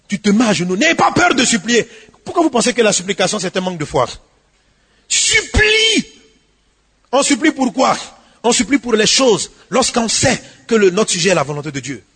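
A man preaching a sermon as a pastor, swinging between hushed pleading and shouted exhortation, with a husky voice. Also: sits high, sing-song, fast, big-room sound.

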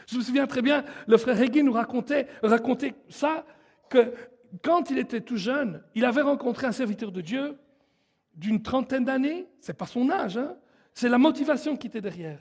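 A man's voice: extremely high pitch, lively intonation, normal speed. A man preaching a sermon in an emphatic way and leading the congregation, recorded in a church hall. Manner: emphatic, leads the congregation in song. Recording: long hall reverb.

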